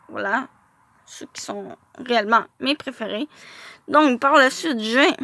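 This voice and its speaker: Hesitant woman vlogger, fairly high voice, unhurried, stumbling over foreign names. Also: creaky, sharp tone, no echo. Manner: hesitant, frequent filler sounds, stumbles over English names. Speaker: card collector vlogger. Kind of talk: casual card showcase.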